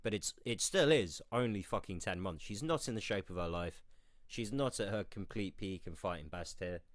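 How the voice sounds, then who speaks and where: A man's voice: low voice, animated, moderate pace, dry recording, studio quality. A hungover man co-hosting a casual sports talk, groping for words and swearing freely. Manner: sweary, informal. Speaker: podcast co-host.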